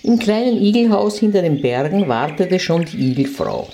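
A woman reading a fairy tale to children, in a gentle manner and speaking to them directly. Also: fairly low pitch, very animated, normal speed, slight background noise.

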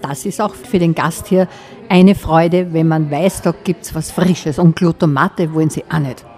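A woman's voice: sits low, fairly even intonation, unhurried, a little mellow. A woman with an Austrian accent, a local radio reporter asking chatty, friendly interview questions. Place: restaurant dining room.

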